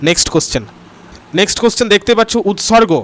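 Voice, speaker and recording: A man from West Bengal, his voice high and rapid-fire, runs an online grammar class for exam prep. He talks right to the students, checking "ঠিক আছে?" after each answer, signaling "next question", and asking for comments and likes.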